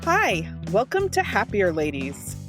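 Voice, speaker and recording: A woman's voice: medium pitch, unhurried, music in the background. Woman with a slightly shaky, congested voice. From Southern California. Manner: steady voice with shaky moments. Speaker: podcast co-host. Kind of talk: casual podcast chat.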